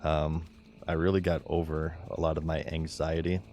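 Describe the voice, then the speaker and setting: A man with a monotone, low-energy delivery, chatting casually as he streams a game. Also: normal speed. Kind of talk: casual chat while gaming.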